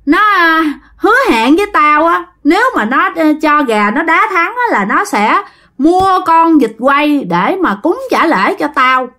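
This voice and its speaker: A woman, as a storyteller putting on a vengeful spirit that has seized a young man's body. It jeers in a high, shrill voice that leaps all over the place. It is bratty and spiteful, with no patience for anyone. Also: animated, a little slow, sharp tone, exaggerated voice. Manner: sneering, shrill taunting, later sobbing pleas.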